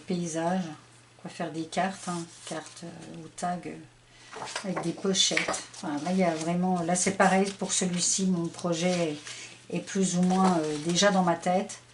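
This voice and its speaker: A woman's voice: lowish voice, noisy background. A middle-aged woman chatting through a scrapbooking haul, hesitant, with many fillers. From France. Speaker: scrapbooking vlogger. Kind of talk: casual haul show-and-tell.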